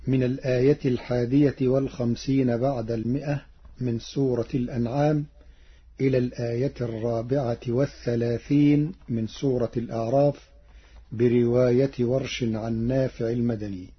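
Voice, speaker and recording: A man with an Egyptian accent giving a formal, slow and precisely articulated radio explanation of Quran recitation variants. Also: mid-range voice, slightly rough. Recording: dull lo-fi archive radio broadcast.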